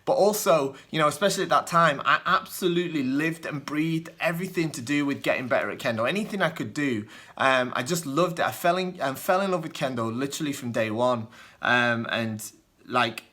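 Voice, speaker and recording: His voice is bright, forward and medium-pitched, carrying a soft northern accent that mixes Lancashire and Yorkshire; he's a young man from northwest England. Running a kendo channel, he rambles through viewer questions in an informal, unscripted Q&A, hesitant, full of ums and uhs, often laughing lightly at himself.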